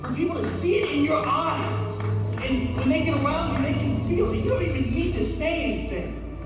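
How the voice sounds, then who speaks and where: A motivational speaker drives his words home with repeated rallying chants. His voice sits very high for a man. The sound comes from far off in a long, echoing hall, with loud music underneath. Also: normal speed. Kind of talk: stage motivational speech.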